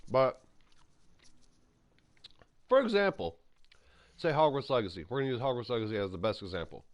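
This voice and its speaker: This man's medium-pitched voice comes at a normal speed, with the high frequencies cut off. He hosts a gaming channel, eating as he plays and delivering rambling, opinionated, ranting commentary on the game.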